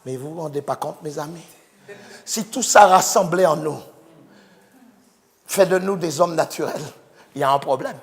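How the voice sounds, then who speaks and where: A male pastor preaching a sermon fervently, swinging from hushed tones to shouts. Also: fairly high pitch, moderate pace, long pauses. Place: church. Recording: echoey church hall with congregation.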